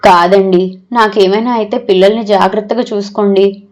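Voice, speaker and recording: A woman's voice: mid-range voice, fairly even intonation, normal speed, a little mellow, faint music behind, close to an everyday voice. A woman voicing a tearful, loving young mother who speaks in a pleading, emotional way in an audio story.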